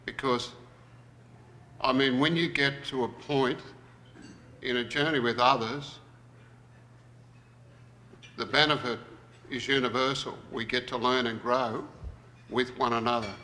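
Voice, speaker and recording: In a reverberant conference hall, a man gives a reflective plenary talk, thinking aloud as he goes. His mid-range voice is pushed and bright, with a steady tone and a measured pace broken by frequent pauses.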